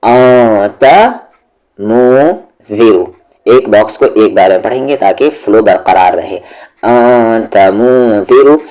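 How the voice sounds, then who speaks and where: Male recitation tutor, lowish voice, very slow and deliberate, drills syllables patiently. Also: mellow. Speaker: Quran recitation teacher. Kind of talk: slow step-by-step tajweed lesson.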